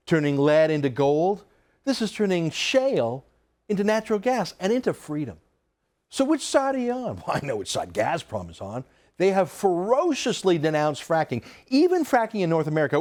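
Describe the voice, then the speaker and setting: A man's voice: a little high, darkish tone. A man delivering a combative TV opinion monologue as a commentator, emphatic and sarcastic.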